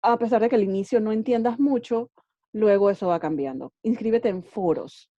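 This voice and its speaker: A woman's voice: medium pitch, moderate pace, mellow, no room sound. Lady english teacher chatting tips, keeps saying ok?, dry dull lo-fi sound. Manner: friendly, checks in with frequent "ok?"; mixes English words into speech. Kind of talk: casual language-learning advice.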